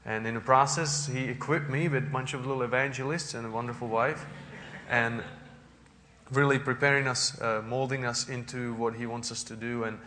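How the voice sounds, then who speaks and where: A man's voice: medium pitch, pushed and bright, long reverb tail, a little hiss or hum. A man from the Czech Republic with a Czech accent, a visiting missionary addressing a church congregation earnestly, with many fillers and restarts.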